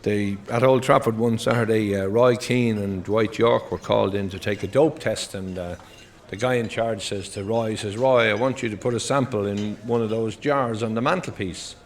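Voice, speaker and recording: A man's voice: fairly low pitch, fairly even intonation, moderate pace. An Irish man doing stand-up, rattling off one-liners and short joke stories and acting out the characters in them. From Ireland. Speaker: stand-up comedian.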